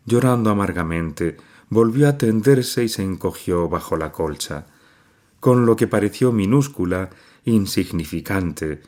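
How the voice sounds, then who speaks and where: Low-voiced, expressive male audiobook narrator. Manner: expressive, dramatic reading.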